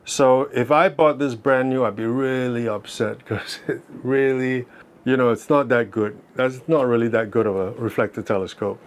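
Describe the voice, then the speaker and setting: A man's voice: mid-range voice, steady tone, moderate pace. Man talking with braces, casual reviewer. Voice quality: slightly impeded articulation from wearing braces. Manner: explanatory, unscripted, with rhetorical questions. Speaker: amateur astronomy reviewer. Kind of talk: casual product review vlog.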